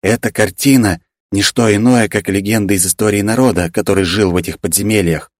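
A man reading the lines of a calm, moralizing male sage in an audiobook, soft and instructive. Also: lowish voice, a little fast, dry recording, studio quality, natural voice. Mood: preachy.

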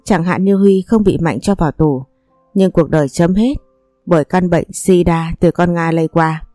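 A woman's voice: on the low side, fairly even intonation, normal speed, mellow, no echo, studio quality, faint music behind. A woman narrating a first-person story, reading each character's lines in her own voice.

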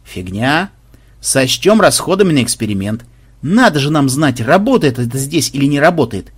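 Man voicing a gruff grumbling grandfather. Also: medium pitch, sing-song, moderate pace. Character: grumbling older grandfather soldier. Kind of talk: audiobook voice acting.

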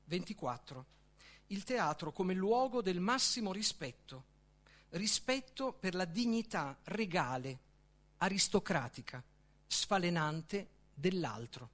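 An author reads from his own book slowly and expressively in a high-pitched male voice. His delivery is solemn and theatrical, with deliberate phrasing and dramatic pauses.

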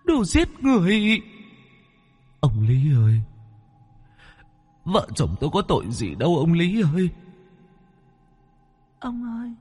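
A man voicing shrill wailing ghosts. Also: huge pitch swings, slow pace, pauses often, a little mellow, husky, in a large hall, faint music behind, full character voice. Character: wailing vengeful ghosts, mostly female.

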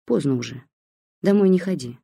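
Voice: mid-range voice, lively intonation, normal speed, vocal fry, dark tone, slightly rough, no echo, clean studio sound. A reader voicing a stern, commanding old woman who is a fortune teller and talks in curt orders. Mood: curt, caring. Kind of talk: audiobook character voice.

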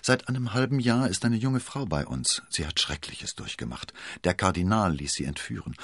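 A man voicing a kind, trusting older abbess in a storybook reading, speaking gently. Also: sits low, animated, normal speed, slightly rough, no room sound, studio quality, exaggerated voice. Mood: compassionate. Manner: gentle, pitying. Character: kindly, guileless older abbess.

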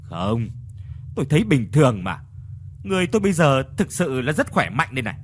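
A man doing a calm old village man. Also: medium pitch, fairly quick, slight background noise, close to an everyday voice. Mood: reassuring. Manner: matter-of-fact, reassuring.

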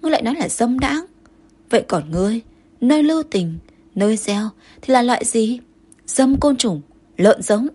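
A woman voicing a proud, jealous young consort who answers in sharp, indignant retorts, with a breathy voice. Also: fairly high pitch, lively intonation, moderate pace. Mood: furious.

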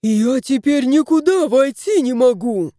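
Huffy vain tomcat from a storybook, woman putting it on, high and slow, whiny drama. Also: animated, dark tone, no room sound, studio quality. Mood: aggrieved. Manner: complaining, theatrical. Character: proud indignant male house cat.

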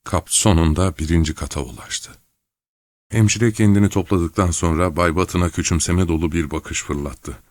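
A man reading a novel aloud as an audiobook narrator, steady and measured. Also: low voice, no echo. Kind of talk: scripted narration.

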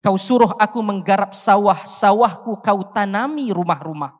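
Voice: mid-range voice, normal speed. A convention panel speaker, reciting a poem with declamatory, rhetorical rises and falls before giving closing remarks. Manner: declamatory, rhetorical rise and fall. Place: large convention hall. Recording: long hall reverb.

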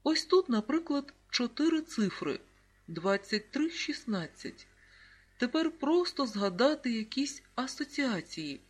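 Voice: high voice, very animated, measured pace, husky, pitched above the performer's own voice, exaggerated voice. A reader voicing a playful, patient mother. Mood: explaining. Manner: warm, joking, explaining patiently. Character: caring, playful young mother.

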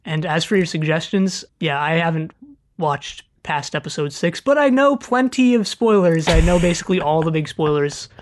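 A man's voice: on the high side, expressive, moderate pace. A young man with a Californian accent, co-hosting a podcast in casual chat, laughing often and hesitating with fillers. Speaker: podcast co-host.

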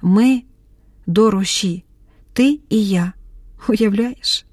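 A woman reading an audiobook, voicing a tense young woman who breaks into hysterical shouting. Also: mid-range voice, very slow, dry recording, studio quality. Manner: shouting, pleading outbursts.

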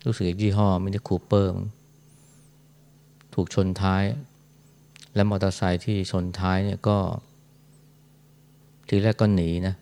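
A monk giving a calm, storytelling dharma talk in a monastery hall. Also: male voice, low voice, takes it slowly, long pauses. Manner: calm storytelling, frequent "na" tag. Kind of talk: sermon.

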